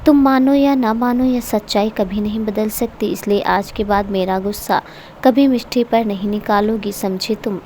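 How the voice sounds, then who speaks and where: A woman voicing an angry young husband who is also a protective uncle, read in a stern, forceful way. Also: medium pitch, steady tone, moderate pace, a little hiss or hum, close to an everyday voice.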